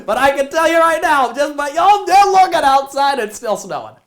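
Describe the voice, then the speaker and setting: A man playing a folksy veteran weatherman stating the obvious haltingly in a parody weather report. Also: extremely high pitch, very animated, a bit bright, exaggerated voice. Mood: folksy, amused.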